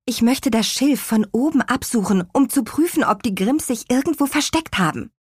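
A woman's voice: a little high, animated, normal speed, slightly rough, no room sound, clean studio sound, voice pushed up. A woman voicing a small, cheerful young apple witch girl in a children's audiobook. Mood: eager.

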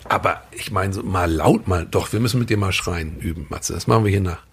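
A man as a guest in a casual podcast conversation, animated and jokey. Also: sits low, brisk, husky. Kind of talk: casual chat.

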